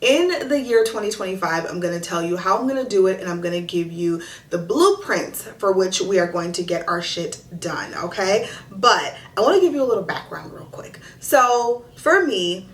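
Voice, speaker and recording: A woman's voice: mid-range voice, expressive, normal speed, few pauses, far from the mic. A woman in her thirties talking straight to her viewers in an upbeat, chatty vlog, hyping them up about the year ahead. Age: 30s. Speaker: lifestyle vlogger. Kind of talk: upbeat direct-to-camera vlog chat. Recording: echoey room with faint music.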